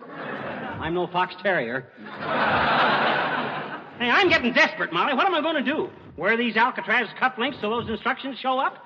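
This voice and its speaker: A man's voice: very high-pitched, very animated, moderate pace, long pauses. A man playing a bumbling, boastful husband in 1940s radio comedy, wisecracking and chuckling. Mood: blustering. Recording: dull old radio broadcast with reverb and hiss.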